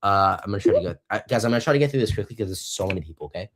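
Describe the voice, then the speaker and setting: A young man hosting a casual online debate, hesitant, restarting sentences and slowing down to press his points. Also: lowish voice, lively intonation, a bit bright, a little hiss or hum. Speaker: debate host.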